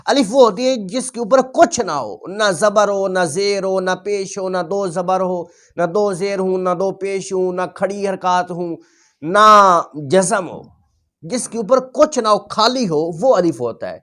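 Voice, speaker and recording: A male Quran teacher explaining a reading lesson patiently, repeating each rule and sounding out letters slowly. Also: sits high, fairly bright tone.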